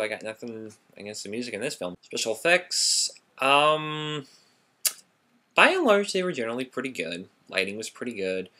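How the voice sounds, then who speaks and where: Forceful low-voiced man reviewing a movie. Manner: rambling, peppered with "okay?" and "um"; flares into heated rants. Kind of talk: informal spoken movie review.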